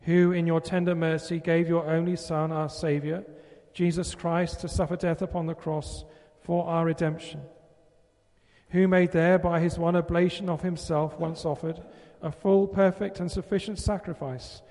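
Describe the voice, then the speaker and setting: Priest intoning with cathedral echo. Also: male voice, on the high side, level tone, darkish tone. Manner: measured, formal liturgical recitation. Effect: long cathedral-like reverb. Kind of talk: leading a Eucharistic prayer. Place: large church. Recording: long reverb in a large church.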